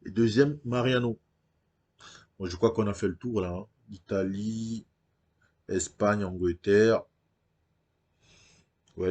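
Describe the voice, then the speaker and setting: Low-voiced man commenting on a game. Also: darkish tone, breathy edge. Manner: thinks aloud with frequent hesitations. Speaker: gaming channel host.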